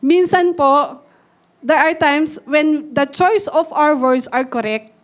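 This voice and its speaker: A woman's voice: high voice, slow pace. A Filipino woman giving a church sermon, talking politely and switching between Tagalog and English as she teaches with everyday examples. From Philippines. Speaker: church speaker.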